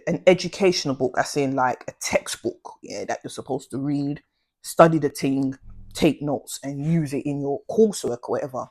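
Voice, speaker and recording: Husky young woman telling stories. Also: extremely low pitch, normal speed. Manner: animated, slangy storytelling. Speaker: vlogger. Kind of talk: storytime vlog.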